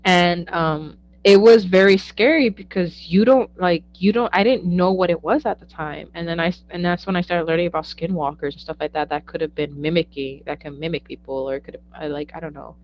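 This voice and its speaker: Lively young woman telling ghost stories. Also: on the low side, a little fast, hardly any pauses, dull audio, a little hiss or hum. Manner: animated, acts out quoted dialogue, laughs often. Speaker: guest, psychic medium. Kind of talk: casual storytelling interview.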